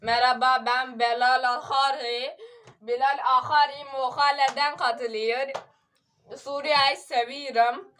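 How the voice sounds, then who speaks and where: A woman's voice: sits high, steady tone, slow pace, sharp tone, recorded from a distance, a little hiss or hum. A woman co-presenting a casual comic skit, introducing the group in playful banter.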